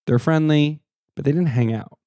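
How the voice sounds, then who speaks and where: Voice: medium pitch, normal speed, mellow, no echo, studio quality. A podcast co-host in casual chat, listening with many mm-hmms and adding wry asides. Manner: frequent mm-hmm backchannels, wry asides.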